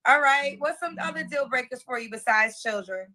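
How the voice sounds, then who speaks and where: A woman hosting a live-stream dating interview, firing off quick questions and repeating the answers back. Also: high-pitched, sharp tone.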